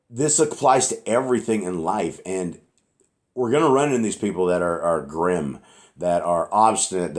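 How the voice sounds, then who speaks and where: Deep raspy-voiced man teaching scripture. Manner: rambling, earnest, asks "right?" often.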